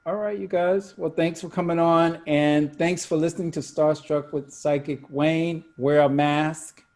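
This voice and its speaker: A man's voice: a little high, steady tone, unhurried, darkish tone. A man hosting a talk radio show, chatting casually with guests, laughing often and repeating words.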